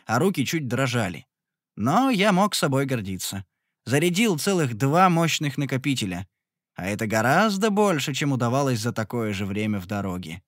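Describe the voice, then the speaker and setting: A man narrating a fantasy audiobook in the first person with a lively, expressive reading. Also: mid-range voice, dry recording, clean studio sound.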